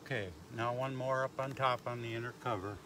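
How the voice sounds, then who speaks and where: Male beekeeper, patient explainer, mid pitch, outdoor demo, heavy background noise. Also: fairly even intonation, fairly quick. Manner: patient, explanatory, a little joking. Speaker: beekeeper teaching a hive demo. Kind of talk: hands-on outdoor demonstration. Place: outdoors at beehives. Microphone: no working mic, picked up from a distance. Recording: very noisy outdoor live stream.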